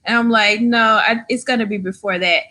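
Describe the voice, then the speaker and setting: A woman's voice: mid-range voice, fairly even intonation, brisk, bright, forceful tone. A woman in her thirties from Florida, a podcast guest telling her story in a chatty, casual way, often tagging lines with "right?" and "like". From Florida, USA. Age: 30s. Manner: chatty, lots of "like" and "right?" tags.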